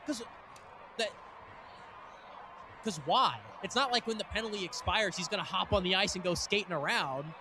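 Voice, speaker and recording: High-voiced guy doing hockey play-by-play, excited, laughs a lot, noisy arena mic. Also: moderate pace, pauses often. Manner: excitable, laughs often, thinks aloud. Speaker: play-by-play commentator. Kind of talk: live hockey commentary. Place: ice arena broadcast booth.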